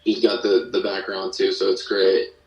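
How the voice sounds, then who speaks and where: A podcast guest who is a musician and audio drama creator chats casually, explaining things in an informal, thoughtful way. His voice is low, monotone and a little mellow, at a moderate pace. He sounds distant from the mic in an echoey room.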